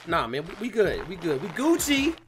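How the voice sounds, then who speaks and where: Excitable gamer guy, wildly swinging pitch. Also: moderate pace, background noise. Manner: excitable, yelling at the game. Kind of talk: let's play commentary.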